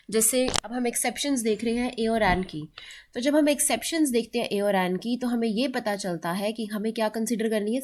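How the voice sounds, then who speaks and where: A woman teaching English grammar in a mix of Hindi and English, who often checks in with her students and slows down to read examples aloud. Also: a little high. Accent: Indian English. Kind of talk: explaining grammar in a classroom-style lesson.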